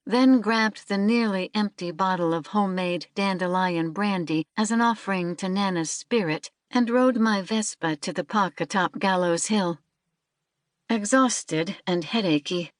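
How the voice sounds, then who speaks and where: Woman audiobook narrator, first-person, slow and measured, dry close sound. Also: mid-range voice, no echo.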